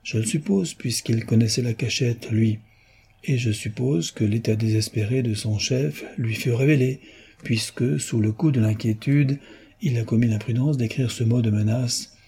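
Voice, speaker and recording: Man reading as an insistent young sleuth, voice raised a bit, very husky and mellow, storybook. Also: mid-range voice, normal speed. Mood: reasoning. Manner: fervent, insistent.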